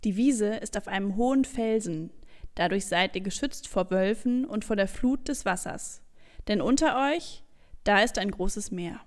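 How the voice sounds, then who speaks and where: A woman reading a children's story aloud, speaking directly to the listener in a lively way. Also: mid-range voice, unhurried.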